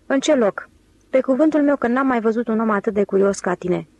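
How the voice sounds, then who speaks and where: A woman's voice: on the high side, expressive, darkish tone, dry recording, dull audio. A woman voicing a teasing young girl. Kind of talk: audiobook character reading.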